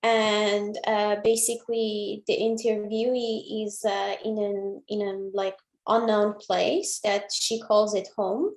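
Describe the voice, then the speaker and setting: Casting note: young woman from Iran, flat and gravelly delivery, heard over a video call. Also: medium pitch. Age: 20s. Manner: slow and measured, pauses often to find words. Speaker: featured artist. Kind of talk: online interview. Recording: roomy echo.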